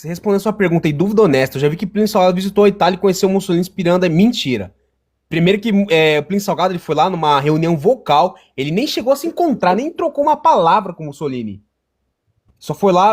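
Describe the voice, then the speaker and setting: Sarcastic Brazilian man, lively high voice. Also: fast. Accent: Brazilian Portuguese. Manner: mocking, sarcastic slang. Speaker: live stream co-host. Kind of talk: casual political live stream chat.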